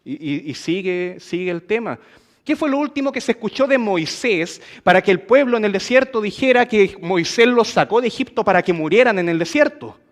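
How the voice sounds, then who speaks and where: A man's voice: sits high, expressive, fairly quick. A man preaching a sermon in a church, asking the congregation questions and acting out quoted gossip.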